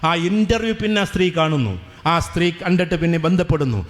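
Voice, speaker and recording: A fairly high-voiced man, addressing students and teachers at a school gathering. He tells his stories in a motivational speech and draws out key words slowly for effect. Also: lively intonation. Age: 40s. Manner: slows down and stretches words for emphasis. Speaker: guest speaker at a school.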